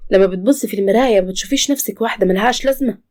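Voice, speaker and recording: Stern male cop, put on by a woman, menacing, interrogating, quick delivery. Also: mid-range voice, darkish tone, lightly acted. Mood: scornful. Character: stern male police officer, cold and threatening.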